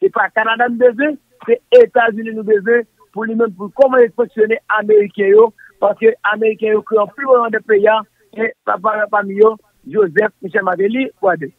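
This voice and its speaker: A man's voice: sits high, moderate pace, dry recording. A man talking politics on a call-in show, repeating himself and speeding up as he stumbles over words. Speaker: political commentator. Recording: dull, dry lo-fi audio.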